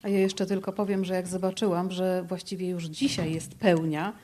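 A woman's voice: lowish voice, level tone, normal speed. A woman radio host giving a spontaneous thank-you speech at an audiobook premiere. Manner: warm spontaneous speech with fillers.

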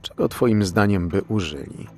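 A man's voice: fairly low pitch, normal speed, a little mellow, faint music behind, natural voice. A man voicing a jovial middle-aged male forensic expert who lectures and teases his junior in an audiobook. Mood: lecturing. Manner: teasing, lecturing like a professor.

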